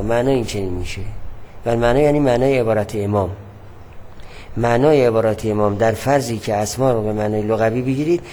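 A man teaching a religious lesson, explaining at a measured pace and repeating his key points. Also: medium pitch, warm tone, a little hiss or hum.

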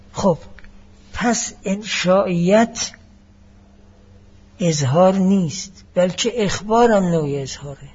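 A man giving a classroom lecture as a seminary teacher, explaining each point deliberately and mixing in Arabic phrases. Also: sits high, darkish tone, husky, muffled recording.

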